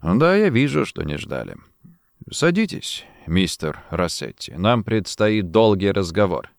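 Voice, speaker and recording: A male narrator voicing a calm, cold detective who speaks slowly and softly with quiet menace. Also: deep voice, gravelly, no echo, clean studio sound, pitched below the performer's own voice, full character voice. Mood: cold threat. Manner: slow, soft and menacing.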